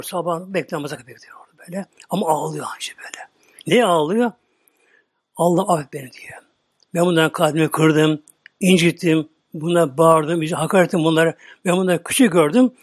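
A male preacher retelling a story in a slow, dramatic sermon, often dropping into a whisper. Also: fairly high pitch, slightly rough, no echo, studio quality.

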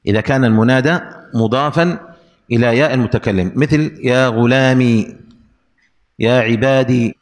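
A man teaching Arabic grammar in a recorded lesson, spelling out the rules slowly and repeating each example with care. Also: medium pitch, in a large hall.

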